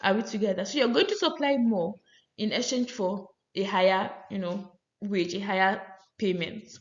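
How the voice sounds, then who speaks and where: A woman giving a fast economics lecture, often checking in with her students. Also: mid-range voice. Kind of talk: recorded classroom lecture. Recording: roomy, slightly dull audio.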